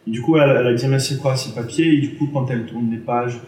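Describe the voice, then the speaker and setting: In an informal presentation of his exhibition, an artist talks fast in accented French, a language he did not grow up speaking, stumbling, groping for words, and self-correcting as he goes. His voice is mid-range, steady in tone, and a little mellow. A far-off mic leaves a roomy echo.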